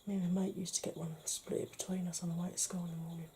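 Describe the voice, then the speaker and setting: A British woman talking through a makeup tutorial, chatty and playful, often dropping to a soft murmur. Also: fairly low pitch, level tone, fast talker, slight background noise. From United Kingdom. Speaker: beauty vlogger.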